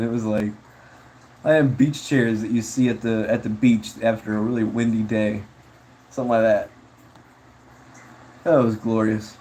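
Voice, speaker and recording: A man's voice: on the low side, darkish tone, slight background noise, poor audio. A man chatting casually on a livestream, rambling laid-back about viewer comments and calling people bro and dude. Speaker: streamer.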